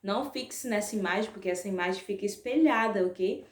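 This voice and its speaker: A woman with a Brazilian accent teaching a Spanish lesson to schoolchildren, spelling out words slowly by syllable and checking in with a frequent "ok?". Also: medium pitch. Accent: Brazilian Portuguese. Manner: slow, drawn-out, spelling out syllables. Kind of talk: online class lesson. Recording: echoey room.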